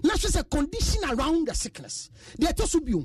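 A loud Ghanaian man argues on a radio panel, switching between English and Twi. His voice sits high and jumps around a lot in pitch. He sounds set back from the microphone. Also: very animated, brisk, dry recording, clean studio sound, recorded from a distance. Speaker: counselor panelist. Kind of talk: heated radio panel debate.

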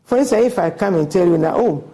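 A woman with a gravelly, mellow voice and a creak running through her words. She talks as a passionate radio guest, slipping into a preachy tone and acting out the voices of the people she quotes. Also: lowish voice, expressive, fast talker, poor audio. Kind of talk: earnest radio discussion.

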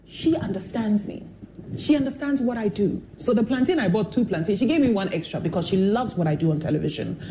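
Speaking a little fast in a mid-range voice, a female television personality gives a candid, motivational interview. She tells her stories expressively and with animation, acting out each quoted voice. The recording is low quality, with slight background noise.

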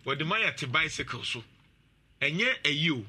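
A man hosting a talk show, giving animated, casual commentary and laughing often. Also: on the high side, normal speed, breathy edge. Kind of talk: casual commentary mixing Twi and English.

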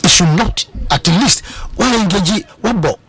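Speaking in Ghanaian-accented English, a man analyses football on a sports talk show, hesitating often with fillers and restarts and switching into Twi. His voice sits high and is fairly bright with a breathy edge, expressive and a little slow.

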